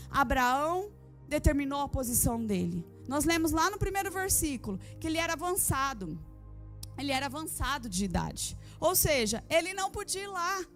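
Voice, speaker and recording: A woman pastor preaching a sermon to a church congregation, driving her points home with repeated phrases and rhetorical questions. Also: high voice. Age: adult with a daughter. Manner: addresses the women of the congregation directly. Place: church service.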